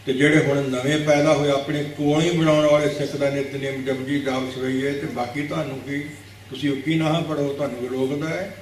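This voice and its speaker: A Sikh preacher giving a religious discourse, teaching didactically, repeating words to correct pronunciation and asking rhetorical questions. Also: male voice, mid-range voice, little pitch movement, brisk, slight background noise. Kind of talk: religious discourse explaining scripture. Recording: very echoey hall, mic at a distance.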